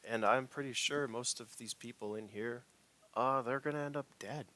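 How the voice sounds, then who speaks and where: A man voicing a menacing male corporate operative who makes calm, veiled threats in a tabletop game. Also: mid-range voice, moderate pace, lightly acted. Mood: threatening.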